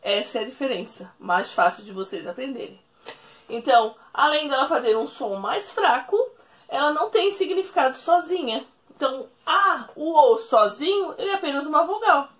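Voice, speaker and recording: A woman teacher explaining a lesson at a whiteboard, speaking slowly, repeating each rule and checking in with the class. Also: sits high, expressive, fairly bright tone. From Brazil. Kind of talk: recorded remote classroom lesson.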